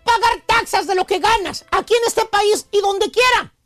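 Mocking high-voiced radio host. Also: male voice, normal speed, a bit bright. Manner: scolding, mocking, acts out quoted voices. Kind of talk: comedic radio monologue.

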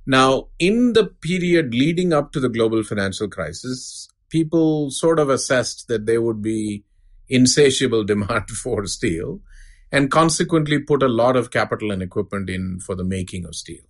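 A middle-aged man giving a measured, unscripted explanation as an expert interview guest. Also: medium pitch, animated. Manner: measured, explanatory, uses analogies. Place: studio.

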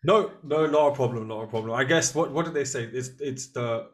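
A man's voice: medium pitch, brisk. Male podcast host, conversational interview style.

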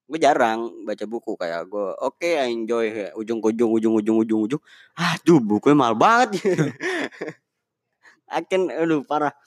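A man's voice: medium pitch, lively intonation, a little slow, no room sound, clean studio sound. A young man with chatting casually with a friend, often laughing and dropping in English words. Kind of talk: casual chat.

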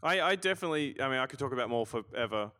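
A man's voice: mid-range voice, expressive, racing, bright, forceful tone, no room sound, studio quality. A man hosting a casual podcast interview, often stammering and repeating words as he talks. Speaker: podcast host.

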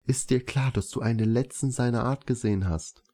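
A man reading a story aloud, voicing a young female veterinary student who loves birds, in a softened, slightly raised voice. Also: sits low, moderate pace. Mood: indignant.

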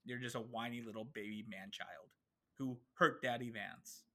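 Animated, foul-mouthed male podcast co-host. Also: medium pitch, moderate pace. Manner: animated, profane, acts out characters' lines. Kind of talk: casual chat.

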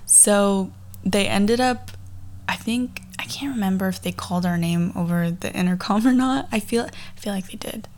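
A woman's voice: medium pitch, moderate pace, darkish tone, slight background noise. Chatty young woman podcasting from a garage. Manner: chatty and rambling, frequently backtracking. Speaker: podcast host. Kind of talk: casual personal storytelling podcast. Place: recorded in a garage.

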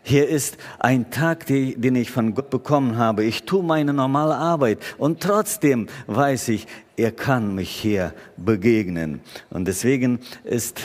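Slow preacher in echoing hall. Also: male voice, medium pitch, darkish tone. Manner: addresses listeners directly with questions, slow and deliberate. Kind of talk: sermon.

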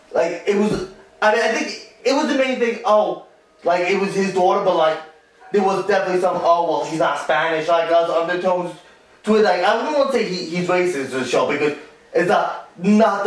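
A man chatting casually about a stage show and its film, rambling with lots of fillers and restarts. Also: high voice. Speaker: co-host discussing a musical and its film. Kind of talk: casual chat. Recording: echoey room, distant from the mic.

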